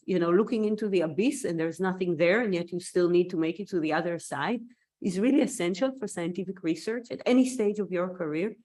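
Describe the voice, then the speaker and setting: Speaking over a video call, this Israeli woman, a native Hebrew speaker invited as a scientist, delivers a reflective online seminar. Her voice is lowish and somewhat dark. Still getting over an illness, she lets out an occasional cough.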